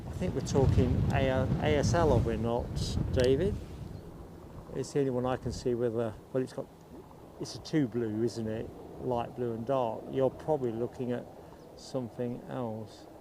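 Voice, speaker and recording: Near an airport, a man hosts an outdoor live stream, chatting casually and reading viewer comments aloud at a normal pace. His medium-pitched voice has fairly even intonation. Outdoor ambience and passing vehicles are clearly audible behind him.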